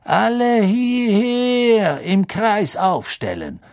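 A man voicing a cold, sneering male teacher who drags his words out slowly. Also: high-pitched, very animated, vocal fry, voice pushed up, heavily acted. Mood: cold command. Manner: slow, drawn-out, icy and mocking.

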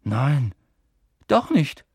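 A sulky schoolboy grumbles in a gruff, mid-height voice, as a male narrator puts him on. It sounds dry and close, like a studio audiobook. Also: mid-range voice, sing-song, extremely slow, a little mellow, no room sound, voice pushed up, heavily acted. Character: gloomy freckled schoolboy from a poor family.

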